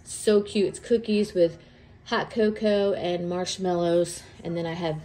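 Congested from a cold, a home vlogger narrates a casual tour of her house, walking room to room with a handheld phone camera and chatting about where things were bought. Her voice sits on the low side, unhurried and warm but flat in delivery, and the audio is poor.

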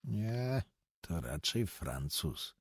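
Man reading a calm, diplomatic editor. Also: on the low side, very slow, breathy edge, no echo, studio quality, exaggerated voice. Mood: calm, assured. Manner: calm, polite, matter-of-fact. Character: composed male literary editor, diplomatic, self-assured.

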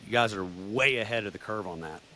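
A man's voice: on the low side, fairly quick, sharp tone. A man co-hosting an interview, talking in a casual, emphatic way.

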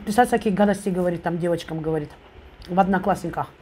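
A woman's voice: lowish voice, fast talker, warm tone, slight background noise. A woman eating on camera, chewing while she talks, who retells a friend's story and keeps putting in "she says". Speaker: mukbang vlogger.

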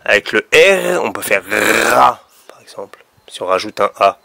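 A man's voice: on the low side, very animated, moderate pace, creaky, pushed and bright, dry recording. A man teaching young children letter sounds, patiently drawing out each sound. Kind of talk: phonics lesson for young children.

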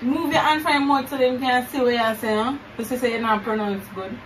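A woman's voice: a little high, fairly even intonation, a little fast. A young woman, chatting casually and repeating guesses in a party game. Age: young adult. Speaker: challenge player guessing phrases. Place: small living room, indoors. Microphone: camera a few feet away. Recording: noisy room, distant camera mic.

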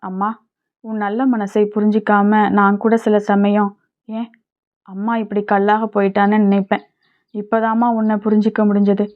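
A remorseful young daughter speaking softly and apologetically, as a woman narrator reads her lines. The sound is tinny and phone-like, at a middle pitch. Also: little pitch movement, normal speed, lightly acted. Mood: tearful.

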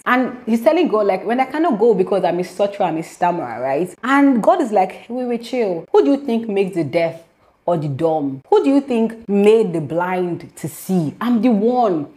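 A woman's voice: fairly low pitch, darkish tone. A woman teaching a devotional lesson to camera, reading scripture aloud and explaining it in an earnest, preaching way. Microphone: camera mic, speaking to camera.

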